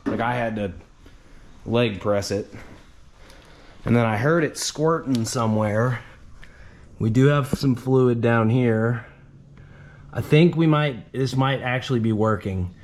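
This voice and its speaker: A man's voice: mid-range voice, takes it slowly, pauses often, darkish tone. A man hosting his garage channel, rambling casually and joking at himself as he works on a car. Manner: rambling, self-deprecating, talks while wrenching. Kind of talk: casual work-along narration. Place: home garage, at and under a car.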